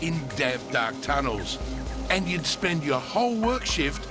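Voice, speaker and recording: A man's voice: fairly high pitch, very animated, measured pace. An Australian man presenting a travel segment, mixing scripted narration with breezy, conversational questions. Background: music.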